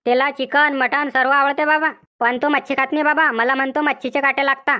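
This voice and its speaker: A woman's voice: high voice, level tone, fairly quick, dull audio, natural voice. A woman voicing a complaining young village wife in a cartoon comedy, with a rural Vidarbha Marathi accent. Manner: whiny, complaining.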